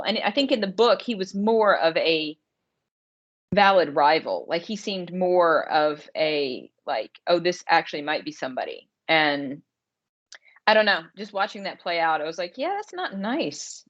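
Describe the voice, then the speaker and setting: A woman co-hosting a podcast talks casually about a film, thinking out loud in informal, slangy language. She has a lowish, expressive voice and a moderate pace, and the podcast audio is slightly dull and lo-fi.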